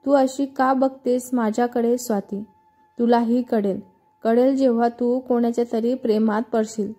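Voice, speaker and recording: A heartbroken young man in denial, pleading and bewildered, as a woman reads his lines aloud. The voice stays soft and mellow, with little rise and fall. It is a storybook reading. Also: on the high side, steady tone, unhurried, faint music behind.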